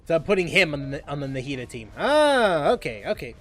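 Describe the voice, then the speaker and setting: A man with a sing-song voice on the high side streams a game live at a slightly fast pace. He thinks aloud as he plays and answers viewers' questions in a loose, chatty style of live gameplay commentary.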